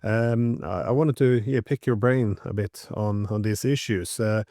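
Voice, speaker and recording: Hesitant low-voiced male host. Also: measured pace, dark tone, no room sound, clean studio sound. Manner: hesitant, many fillers. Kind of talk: interview questions.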